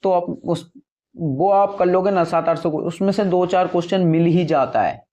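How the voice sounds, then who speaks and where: A man's voice: sits high, normal speed, warm tone. A young man giving earnest, repetitive advice to viewers about preparing for an exam, speaking casually to the camera. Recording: dull lo-fi sound.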